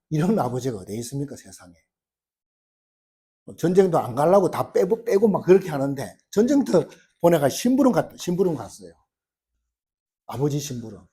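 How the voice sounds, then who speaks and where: A man preaching a sermon as pastor, telling stories with lively delivery and acting out quoted lines. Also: on the high side, husky.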